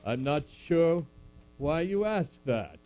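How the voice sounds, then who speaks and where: A man puppeteering an older apostle in a church skit, taking his time over every phrase. The voice sits low and mellow, preachy one moment and deadpan joking the next. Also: slow. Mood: playful. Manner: preachy, dryly joking, speaks to a crowd. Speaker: puppet performer.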